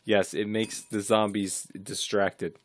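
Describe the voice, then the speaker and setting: Dry low-voiced man gaming streamer. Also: flat delivery, slow. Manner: reads facts aloud off his screen in a dry, matter-of-fact way. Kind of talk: casual co-op gaming chat.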